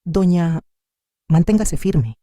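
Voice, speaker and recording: Woman doing a gentle loyal helper talking low and kind, mellow, audio story. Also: lively intonation, slow pace, no echo, clean studio sound.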